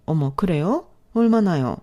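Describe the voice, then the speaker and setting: Brief: woman doing a haughty older mother-in-law for a storybook drama, low mellow tone. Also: lively intonation, normal speed, close to an everyday voice. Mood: amused, mocking. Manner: haughty, scornful. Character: rich, sharp-tongued older mother-in-law. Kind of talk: storybook dialogue reading.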